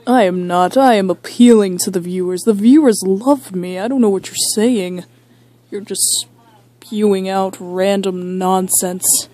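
A girl voicing a boastful, deadpan dad toy who hosts a chaotic talk show in an amateur toy skit. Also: mid-range voice, dry recording, natural voice. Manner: slow, boastful, deadpan rambling. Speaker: talk show host figure.

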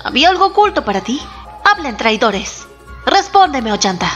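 A woman's voice: high-pitched, big pitch swings, moderate pace. A woman voicing a stern Inca emperor. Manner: solemn, authoritative. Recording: slightly dull, soft background music.

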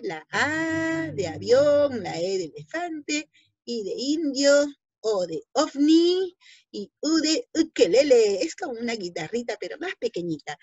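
A hoarse woman teaching young children in an online lesson, drawing out her words slowly and playfully. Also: sits high, a little mellow, no room sound. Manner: slow, sing-song, drawn-out words for small children. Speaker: preschool teacher. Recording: dull, lo-fi home video audio.

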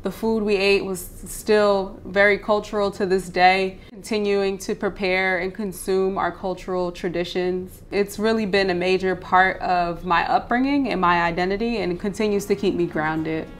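A woman's voice: medium pitch, steady tone, moderate pace, hardly any pauses, slight background noise. Reflective woman from Philadelphia. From Philadelphia, USA. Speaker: research scientist. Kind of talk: documentary interview.

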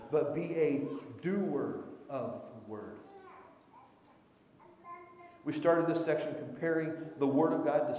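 A man's voice: fairly high pitch, dark tone, a little hiss or hum. A middle-aged man preaching a sermon in a church sanctuary, conversational and asking the congregation questions. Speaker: pastor. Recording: echoey church room.

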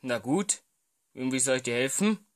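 Man, homemade comedy film, playful, hesitant, voice-switching, lively pitch. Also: normal speed. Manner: playful, jumps between voices with sudden pitch shifts; hesitant, many fillers. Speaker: amateur filmmaker voicing all characters.

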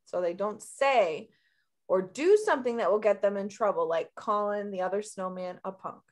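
A woman teacher explaining a classroom lesson step by step in a slow, friendly way. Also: mid-range voice.

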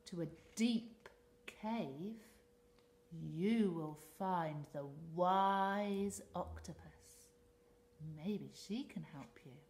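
A woman reading a storybook aloud, voicing a calm, helpful starfish in a slow, measured way. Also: lowish voice. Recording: echoey room, faint noise.

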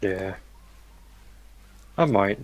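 A man's voice: sits low, drawn-out words, dry recording. A man chatting casually as a guest on a gaming stream, rambling with lots of fillers and laughing often. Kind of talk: casual chat.

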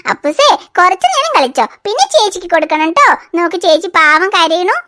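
A young cartoon mother, voiced by a woman in a home-made cartoon, patient with her little one but quick to scold. Her voice sits extremely high. She coaxes in a sing-song and turns sharp when she scolds. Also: lively intonation, exaggerated voice. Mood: soothing. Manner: coaxing and sing-song with the baby, sharp with the older child.

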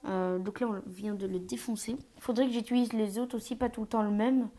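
Streamer woman, mellow tone, halting live game commentary on earphone mic, fillers and odd whispered asides. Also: medium pitch, fairly even intonation. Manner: hesitant, many fillers, drops to whispers at times.

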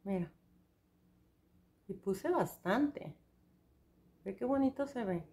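A woman's voice: medium pitch, lively intonation, slow, darkish tone. Chatty woman. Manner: chatty and enthusiastic, addresses the viewer directly. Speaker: beauty vlogger. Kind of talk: makeup review, casual chat to the viewer.

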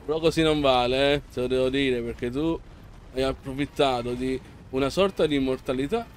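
Excitable man gaming. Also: medium pitch, a little fast, a little hiss or hum. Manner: excitable, yelling and pleading at the boss. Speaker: gameplay channel host. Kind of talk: excitable let's play commentary.

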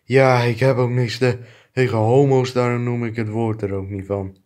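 A man's voice: medium pitch, flat delivery, moderate pace, a little mellow, natural voice. A man improvising a comic fan dub of two clumsy adult male neighbors who bicker, trading crude insults and swearing. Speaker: fan dubber.

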